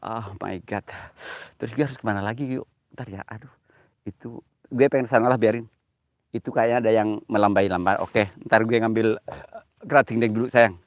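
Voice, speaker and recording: A man's voice: lowish voice, fairly even intonation, fairly quick, no room sound. A man live-streaming outdoors in the rain, out of breath as he climbs a slippery slope, joking, flirting and thanking viewers by name.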